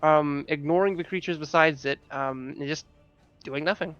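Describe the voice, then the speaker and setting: A man improvising narration as game master of a tabletop game, halting as he searches for descriptions. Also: a little high, a bit bright, no echo, highs cut off, faint music behind.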